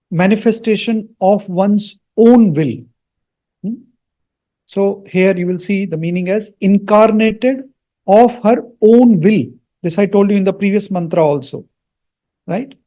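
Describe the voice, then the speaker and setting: A man's voice: high voice, takes it slowly, mellow. A man teaching Sanskrit mantras, with an Indian accent, patiently repeating words and checking that listeners follow.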